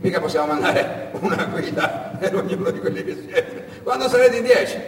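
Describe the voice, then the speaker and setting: Man doing a fat smuggler, mocking, chuckling, high voice, roomy echo, distant. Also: animated, normal speed, noisy background. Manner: laughing, taunting. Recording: echoey hall from far off.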